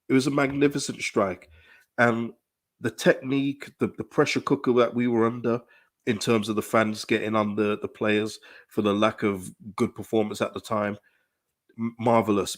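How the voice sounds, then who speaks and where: A man with a mid-range voice, hoarse from a dry throat, hosts a football fan channel and gives animated, emphatic live-stream commentary on his club. He reads the chat as he goes, repeating phrases and restarting often.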